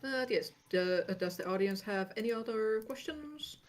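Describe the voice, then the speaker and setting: A woman's voice: on the high side, lively intonation, moderate pace. A woman co-hosting a podcast, in casual chat, joking in a playful, laid-back way. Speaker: podcast co-host.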